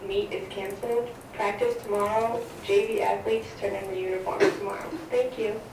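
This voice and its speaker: A woman's voice comes through a school intercom, brisk and businesslike as she reads out a formal notice. It sounds very echoey and distant from the speaker on the wall, with steady noise in the room. Her pitch sits in a middling range. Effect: school intercom loudspeaker. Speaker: school announcer. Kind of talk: formal public announcement. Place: heard in a classroom over a wall speaker. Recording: echoey loudspeaker from far off, noisy classroom.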